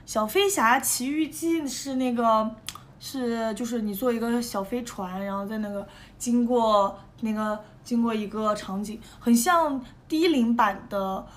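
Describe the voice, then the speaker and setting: A young woman, chatting alone and telling a lively, animated story. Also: fairly high pitch, unhurried, a little hiss or hum. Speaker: idol group member. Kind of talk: casual solo chat.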